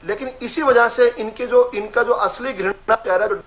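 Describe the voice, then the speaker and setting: A man's voice: very high voice, normal speed, a bit bright. A man arguing as a party spokesperson in a heated TV debate, combative and talking over his opponents. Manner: combative, raises voice and talks over others.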